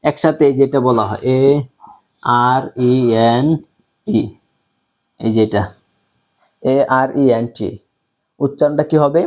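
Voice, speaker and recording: A man teaching a spoken English lesson, explaining slowly and repetitively, often checking if his students understand. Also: medium pitch, mellow. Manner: slow, repetitive explaining with frequent check-ins; pronounces English example sentences very slowly.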